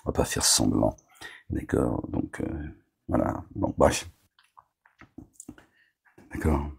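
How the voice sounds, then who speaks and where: A man's voice: very deep voice, takes it slowly, vocal fry, breathy edge. A man delivering a rambling, agitated monologue to his viewers, scolding them as a self-styled preacher, with constant verbal tics.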